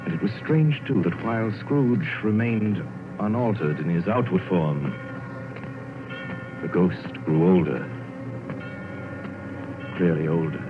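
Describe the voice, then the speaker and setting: A man narrates the story in a deep, measured voice. It comes through a tinny 1930s radio broadcast with music under it. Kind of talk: scripted dramatic narration.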